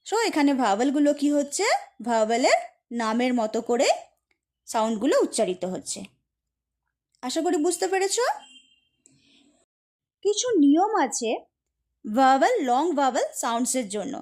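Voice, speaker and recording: A woman teaching an English grammar lesson, speaking to her students as friends and repeating each example word slowly and clearly. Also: high voice, expressive, a little mellow.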